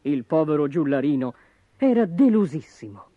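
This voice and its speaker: Woman storyteller, lively expressive reading, dull lo-fi sound, music playing behind. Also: deep voice, moderate pace, no room sound. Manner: expressive, dramatic. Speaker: narrator.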